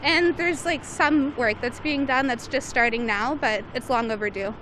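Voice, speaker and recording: A woman's voice: high-pitched, moderate pace. A woman giving an earnest, fluent street-interview answer. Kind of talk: street vox pop answer. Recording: outdoors with loud traffic.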